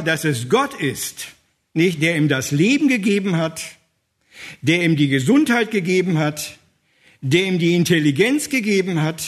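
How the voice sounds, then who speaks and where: A man preaching a sermon emphatically, repeating phrases for weight. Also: sits high.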